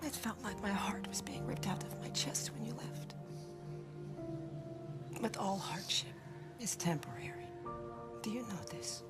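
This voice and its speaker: An actress playing a tender, sorrowful mother in a video game drama, gently comforting her son and often slipping into whispers. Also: sits low, slow pace, pauses often. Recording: loud music under the voice.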